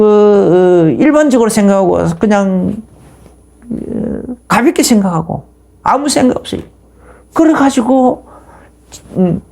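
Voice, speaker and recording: A woman pastor delivers a sermon in a low, dark, gravelly voice. She tells the story with emphasis and poses rhetorical questions to her listeners. Her pitch rises and falls widely as she speaks.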